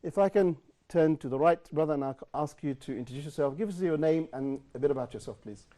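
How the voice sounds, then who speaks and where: A man leads a live television talk show from the studio. His voice sits a little high for a man yet sounds mellow and warm. He frames each question with measured, emphatic phrasing.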